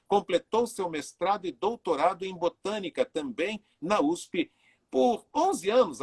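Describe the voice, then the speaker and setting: A man in his sixties, his voice a little high and slightly rough, hosts a live video interview. Chatty and full of fillers, he greets his viewers as interviewer and show host.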